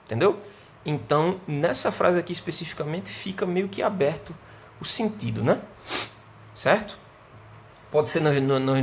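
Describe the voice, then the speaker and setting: A Brazilian man teaching an English grammar lesson online. He explains patiently, keeps asking "né?" and "certo?", and slows down to model the English sentences. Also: a little high, slight background noise. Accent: Brazilian Portuguese.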